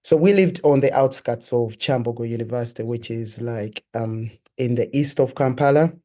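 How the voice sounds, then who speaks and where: A man from Uganda, a guest sharing his life story in an interview, telling it in a reflective, earnest and measured way. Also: mid-range voice, dark tone. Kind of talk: personal testimony in an interview.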